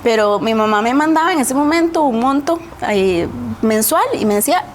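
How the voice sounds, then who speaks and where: A woman's voice: a little high, expressive, moderate pace, slight background noise. A woman with a Costa Rican accent, a guest on a TV talk show, earnestly telling her own story and often adding a questioning tag. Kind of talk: personal storytelling in a TV interview.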